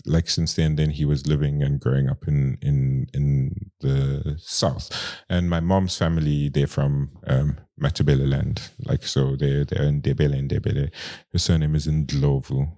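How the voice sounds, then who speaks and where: A young Zimbabwean man with a Zimbabwean accent speaks as a guest in a casual conversation, his bass voice dark, level and a little slow. He rambles, using many fillers and restarts.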